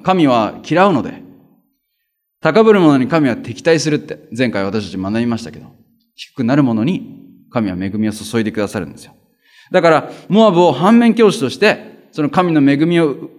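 Man, pastor, conversational sermon, fairly high voice, lively and colloquial. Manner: animated, colloquial, sound words.

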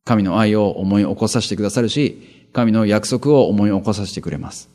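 A man's voice: fairly low pitch, moderate pace, a little mellow. A male pastor preaching, reading Bible verses aloud and then explaining them in a conversational way, with rhetorical questions and asides.

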